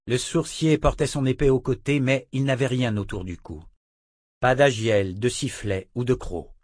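A man reading a fantasy novel aloud as audiobook narration, measured and expressive. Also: medium pitch, no room sound, clean studio sound. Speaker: audiobook reader.

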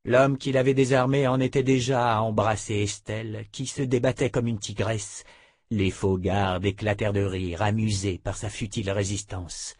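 A man reading a dramatic novel aloud as narrator, with a steady narration. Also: lowish voice, moderate pace, dry recording, studio quality. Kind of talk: scripted audiobook narration.

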